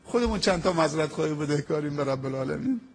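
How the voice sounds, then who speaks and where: A male preacher telling a religious story in an emphatic sermon, slowing down to quote prayers. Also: on the high side, expressive, slightly rough. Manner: emphatic storytelling preaching with dramatic pauses, quoting prayers slowly.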